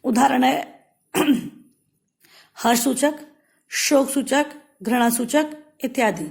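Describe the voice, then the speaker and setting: Woman from India, grammar teacher, fairly high voice, patient, step-by-step explanations. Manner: patient, step-by-step, reads examples slowly. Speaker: Hindi teacher. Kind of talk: grammar lesson explaining examples.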